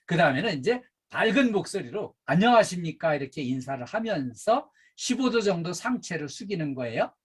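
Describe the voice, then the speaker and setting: A middle-aged man lectures at a staff training session in a lively, swooping voice that rises and falls with emphasis. His tone is somewhat husky, a little higher than most men's, and he leans on fillers as he explains. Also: fairly quick, few pauses. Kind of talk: safety and customer service training lecture.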